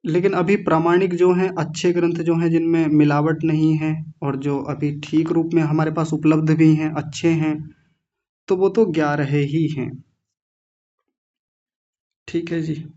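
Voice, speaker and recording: A man teaching an online class, slowly drilling the correct pronunciation of each word. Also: a little high, warm tone, muffled recording. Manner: slow, careful pronunciation drill.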